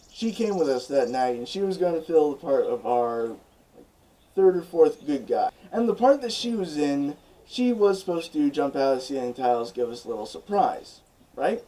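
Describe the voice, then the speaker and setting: Animated man telling a story. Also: a little high, moderate pace, low-quality recording. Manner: animated, chatty storytelling with frequent "like". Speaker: vlogger. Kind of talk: storytelling vlog.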